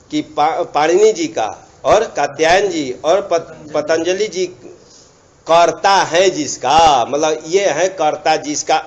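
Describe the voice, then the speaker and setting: Man teaching grammar, lo-fi. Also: on the high side. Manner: repetitive, checks understanding with asides. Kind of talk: explanatory grammar lesson. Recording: dull lo-fi recording.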